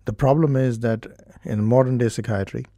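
A man from India with an Indian accent, a doctor explaining his therapy in a studio interview in a measured way, pausing to find his words. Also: mid-range voice, steady tone, warm tone, no room sound.

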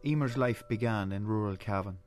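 A man's voice: fairly low pitch, fairly quick. A man reading scripted documentary narration as the programme's reporter. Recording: music under narration.

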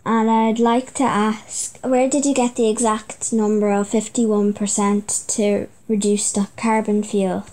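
A woman's voice: medium pitch, level tone, a little slow, few pauses, a little mellow. A ten-year-old girl introducing herself and putting a prepared question. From Dublin, Ireland. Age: ten years old. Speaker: young listener asking a question.

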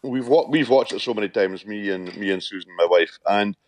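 A man in his fifties from Shetland with a Shetland Scottish accent, chatting as a radio interview guest in a halting way, often repeating words. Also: lowish voice, darkish tone. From Shetland, Scotland. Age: 50s.

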